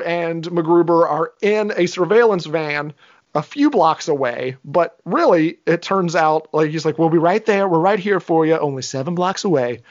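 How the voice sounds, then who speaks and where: A man with a high voice joins a casual movie chat, agreeing eagerly and retelling scenes in quick bursts of quoted dialogue. The audio is dull and lo-fi. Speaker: podcast co-host.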